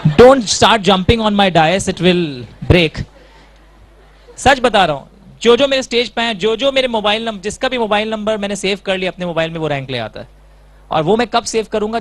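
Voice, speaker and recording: High-voiced playful male teacher. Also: no echo. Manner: playful, mixes English into his teaching. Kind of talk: classroom lecture. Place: classroom.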